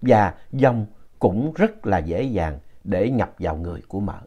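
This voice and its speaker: A man narrating a ghost story in a slow, retelling manner. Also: lowish voice, expressive, mellow, highs cut off, slight background noise.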